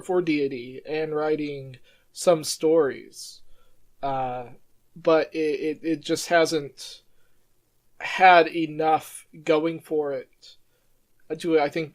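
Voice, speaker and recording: A man hosting an interview in a casual, rambling way, stammering and laughing between thoughts. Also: on the high side. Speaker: podcast host.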